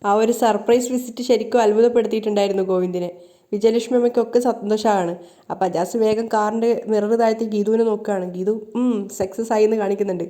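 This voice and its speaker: Rapid, dark-toned woman recapping a serial. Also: mid-range voice. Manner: lively, rapid storytelling with dramatic asides. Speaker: YouTube serial recap narrator. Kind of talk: storytelling recap narration.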